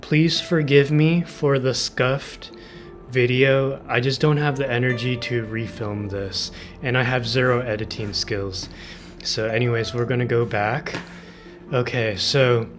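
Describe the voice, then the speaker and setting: A breathless man talking through a game guide with a slow, unhurried delivery. He rambles and stumbles over restarts, apologizing as he goes, with faint music playing under his voice. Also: mid-range voice. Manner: rambling, self-deprecating, halting with restarts. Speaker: gaming video host. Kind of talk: casual game guide commentary.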